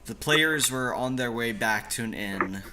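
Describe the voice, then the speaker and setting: A man running a tabletop game as game master, recapping the last session and pausing with many uhs. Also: medium pitch, sharp tone. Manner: hesitant, filled with many uhs.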